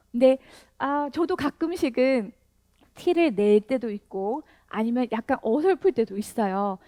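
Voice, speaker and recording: A woman teaching an English lesson, coaxing learners to repeat slow, drilled phrases step by step. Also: fairly high pitch, dry recording.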